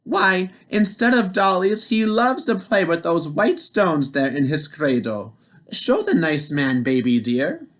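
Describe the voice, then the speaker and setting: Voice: mid-range voice, very animated, a little slow, fairly bright tone, pitched above the performer's own voice, exaggerated voice. A storyteller voicing a clever, sweet-talking giant's wife in a storybook tale. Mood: sweetly sly. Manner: sugary, coaxing. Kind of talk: storybook reading.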